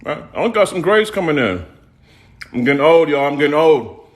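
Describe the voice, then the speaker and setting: A man's voice: on the high side, big pitch swings, a little fast, roomy sound. A middle-aged man with a Houston accent, hosting a casual cooking livestream and talking straight to his viewers in a laid-back way, repeating phrases as he goes. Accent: Houston, Texas. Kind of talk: casual live-stream chat. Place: home kitchen.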